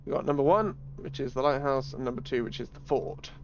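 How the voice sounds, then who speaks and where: A man's voice: mid-range voice, brisk, creaky, highs cut off. A man giving casual, playful commentary as he plays a video game, muttering asides to himself. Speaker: gaming video host. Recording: game water noise behind commentary.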